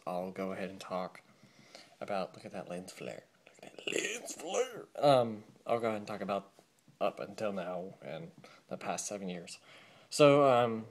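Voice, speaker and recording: A young man from California, telling his life story in a casual, rambling vlog with many fillers, recorded on a camera mic. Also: on the low side. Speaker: vlogger.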